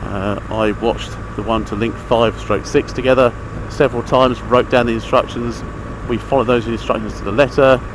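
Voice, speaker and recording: A motorcycle vlogger rides along chatting about his gear in a casual, rambling, matter-of-fact way, his voice medium-pitched and steady at a moderate pace with few pauses. He's recorded through a helmet mic outdoors, with engine, traffic and outdoor noise in the background.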